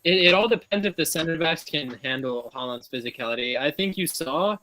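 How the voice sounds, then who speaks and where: A man's voice: on the high side, expressive, brisk, sharp tone, low-quality recording. A man in casual sports talk, his voice coming through a glitchy mic that makes it sound robotic and metallic, hesitant with many fillers. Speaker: panelist. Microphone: faulty online call mic.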